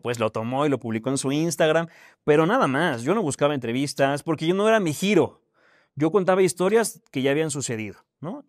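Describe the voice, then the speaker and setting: Lively Mexican man telling his story. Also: on the high side, no room sound, studio quality. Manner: animated storytelling with slang. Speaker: guest speaker. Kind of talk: casual talk to students. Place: university talk.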